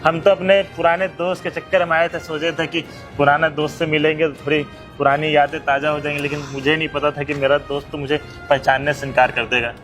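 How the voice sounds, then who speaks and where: A man's voice: fairly high pitch, level tone, fast talker, fairly bright tone, soft background music, natural voice. A man playing a poor, pleading old friend. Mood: humble. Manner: pleading, heartfelt. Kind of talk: amateur skit acting.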